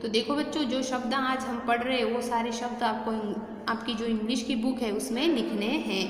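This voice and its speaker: A woman with an Indian accent teaching young children, repeating each word slowly and clearly. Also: on the high side, steady tone. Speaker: schoolteacher. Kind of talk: classroom lesson for young children. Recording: echoey room with faint background noise.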